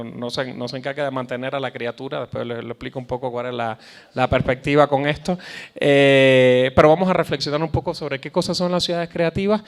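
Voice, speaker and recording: A man with a Caribbean Spanish accent giving a public lecture in a conversational way, pausing to search for words and repeating phrases for emphasis. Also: mid-range voice. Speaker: guest speaker, cultural policy researcher. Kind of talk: public lecture addressing an audience.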